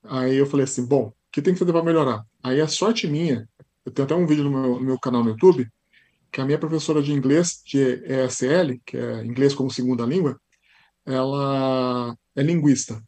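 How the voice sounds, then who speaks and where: A man from Brazil with a São Paulo Portuguese accent, a podcast guest telling stories in a lively casual way with frequent tag questions. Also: mid-range voice, a little fast, breathy edge. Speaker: podcast guest, high school teacher. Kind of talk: casual interview storytelling.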